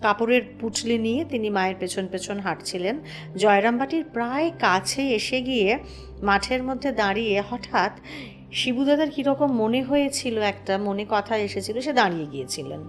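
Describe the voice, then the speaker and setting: A woman hosting a spiritual talk. She retells a devotional story at an unhurried pace and answers her co-host with soft, agreeing hums. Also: a little high, expressive, soft background music.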